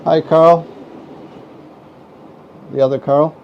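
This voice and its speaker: Greeting viewers by name on his live stream, a stuffy-sounding Irish man with a head cold chats casually in a fairly high, flat, slow voice. He's in his home model railway room, and the home mic sounds dull and slightly lo-fi, with faint noise.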